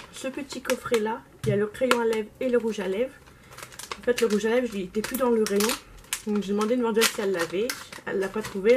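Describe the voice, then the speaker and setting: A woman's voice: on the high side, noisy background. A young woman vlogging casually about her makeup purchases, gushing and repeating words for emphasis. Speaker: beauty vlogger. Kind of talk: casual haul video chat.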